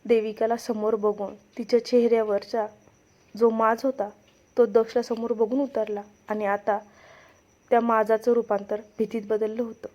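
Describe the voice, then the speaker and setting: A woman's voice: a little high, little pitch movement, moderate pace, dark tone. A woman reading aloud her own dramatic romance story as its narrator, telling it expressively. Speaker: story reader and writer. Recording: dull lo-fi recording.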